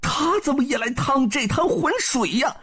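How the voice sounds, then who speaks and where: A man voicing a panicky male nine-headed bird demon with frantic, high cries. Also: expressive, normal speed, pushed and bright, full character voice. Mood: panicked.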